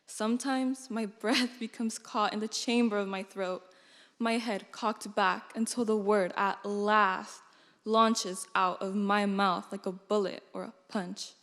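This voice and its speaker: A young woman in her late teens reciting a poem with an expressive, flowing delivery. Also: mid-range voice, unhurried. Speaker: student reciter. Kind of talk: formal poetry recitation. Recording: long hall reverb.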